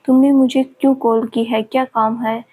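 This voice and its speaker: Angry young husband, read by a woman, snapping back, fairly high voice. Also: flat delivery, moderate pace, breathy edge. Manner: sharp and furious. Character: angry young husband defending his wife.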